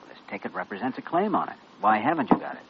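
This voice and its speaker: A calm, probing American doctor in an old radio drama. His voice is low and gravelly with lively inflection, terse and direct, on a dull, noisy recording. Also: rapid-fire. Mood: firm, resigned. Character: calm, authoritative hospital doctor, probing but fair.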